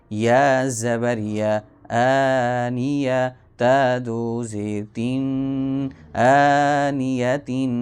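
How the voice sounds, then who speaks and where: Man teaching Quran letters, smooth voice. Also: medium pitch, a little mellow. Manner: fast explanations, then slow drawn-out syllables. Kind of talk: Quran reading lesson, spelling out letters.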